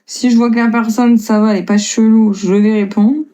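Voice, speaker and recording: A woman's voice: fairly high pitch, steady tone, a little fast, warm tone. A woman in her twenties with a slight northern French accent from Lille, chatting casually with viewers on a live stream, reading and answering their comments with frequent laughs. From northern France. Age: 20s. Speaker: livestreamer.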